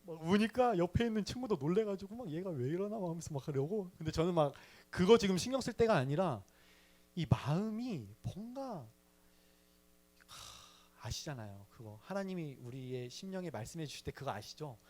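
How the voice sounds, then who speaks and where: A man's voice: a little high, expressive, moderate pace, darkish tone. A young man telling his personal faith story in a sermon to a youth service, chatty and playful with the audience. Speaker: youth ministry speaker.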